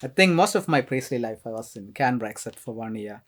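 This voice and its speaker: A middle-aged priest from Kerala, India, whose first language is Malayalam and who has an Indian accent, chats casually as a podcast guest in an interview. He is soft-spoken and hesitant with many fillers, laughs often, and talks fast at a medium pitch with lively intonation, a crowd audible behind him.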